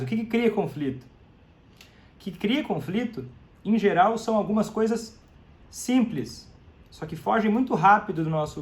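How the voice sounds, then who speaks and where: High-voiced man teaching on a live stream. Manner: conversational, asks viewers questions and acts out example phrases. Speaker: host of a live stream on family communication about alcoholism. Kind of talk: live-stream talk to viewers.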